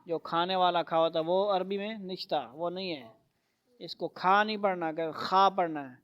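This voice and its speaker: A man teaching a Quran reading lesson in a classroom, patiently calling out letter sounds loudly and explaining how each one is made. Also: high-pitched, dull audio. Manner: patient, repeats letters loudly for students to echo.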